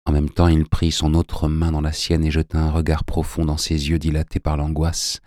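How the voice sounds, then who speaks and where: Man, audiobook narrator, very deep voice, measured reading, dry close recording. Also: monotone, darkish tone, no echo.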